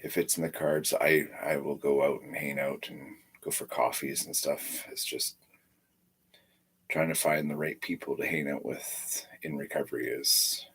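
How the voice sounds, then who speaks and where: Very deep husky man, stuffy. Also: flat delivery, a little slow, a bit bright. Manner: rambling, repeats words. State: stuffy nose. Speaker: live streamer. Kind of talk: casual live-stream chat.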